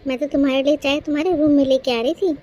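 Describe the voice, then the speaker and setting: A voice actor playing a meek, kind young daughter-in-law in a cartoon, speaking softly and politely. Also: high voice, fairly even intonation, quick pace, highs cut off, close to an everyday voice. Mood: gentle. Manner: soft, polite, humble.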